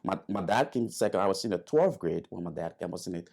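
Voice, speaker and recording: A man's voice: deep voice, expressive, fast, gravelly, a little mellow. A man, a guest telling his story in an interview, hesitant with many fillers and restarts. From Liberia. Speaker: guest, airman.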